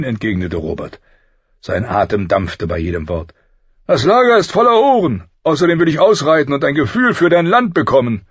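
A man narrating an audiobook in an expressive storytelling manner. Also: low voice, slightly rough, no room sound, dull audio. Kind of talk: scripted narration.

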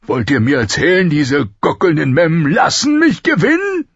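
A male audiobook narrator voicing a loud, quick-tempered, boisterous king who curses and blusters. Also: very animated, husky, no echo, dull audio, full character voice. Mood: furious. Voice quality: loud and booming. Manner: blustering, cursing, swings between roaring laughter and rage. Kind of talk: audiobook reading.

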